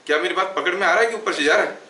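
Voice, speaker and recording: A bright, slightly high-voiced man lecturing a class, often asking whether students follow and dictating notes word by word. He sounds far from the mic in a roomy space, with a faint hiss behind him. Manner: asks the class frequent check questions, dictates notes slowly. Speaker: physics teacher. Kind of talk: classroom lecture mixing Hindi and English.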